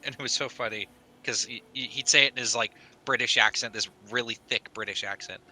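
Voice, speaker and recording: A man's voice: medium pitch, brisk, bright, forceful tone, rough recording. A man chatting casually and joking while playing a puzzle game with friends. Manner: joking, easygoing. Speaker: player.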